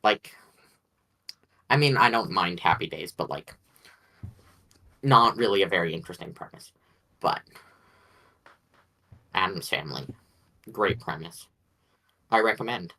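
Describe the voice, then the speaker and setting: A man's voice: sits low, animated, measured pace, pauses often, sharp tone, low-quality recording. A man co-hosting a podcast in casual chat, rambling and hedging as he thinks aloud. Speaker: podcast co-host.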